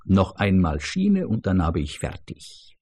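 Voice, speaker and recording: Casting: a man playing a weary, self-satisfied engineer boss muttering low, husky and dark, story reading. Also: huge pitch swings, measured pace, full character voice. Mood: smug. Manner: muttering to himself, low and quiet. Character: aging male chief engineer, smug and weary.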